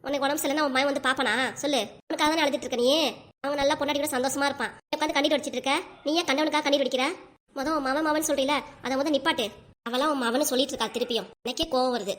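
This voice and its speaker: A protective younger friend in a cartoon, consoling and firmly scolding, voiced by a woman. She talks fast in a high voice and doesn't hold back her opinions. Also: fairly even intonation, lightly acted. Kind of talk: cartoon voice acting.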